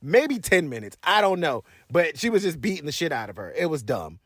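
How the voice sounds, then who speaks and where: A man with a fairly high voice that leaps up and down as he vents about a wrestling show, cursing freely. His talk is slangy and blunt, full of rambling asides. The sound is dry, with no room echo. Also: sing-song, a little fast, breathy edge. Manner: exasperated, blunt, swears freely. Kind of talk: casual profane rant.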